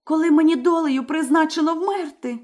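A woman doing a frightened young wife, high and pleading. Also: lively intonation, normal speed, warm tone. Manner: trembling, pleading, tearful. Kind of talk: storybook character voice.

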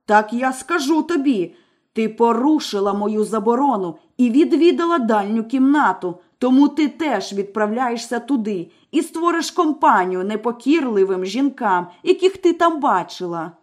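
A woman's voice: fairly high pitch, animated, normal speed. A woman voicing a cruel, domineering husband who barks threats at his wife in a fairy tale. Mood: menacing. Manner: threatening, barking commands. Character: menacing wealthy husband, cruel, domineering man. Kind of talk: storybook character voice.

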